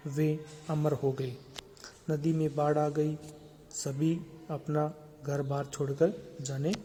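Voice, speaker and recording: Man, exam-prep grammar teacher, monotone, slightly high pitch, repeats key words. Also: slight background noise. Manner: steady dictation-like listing, repeats key words.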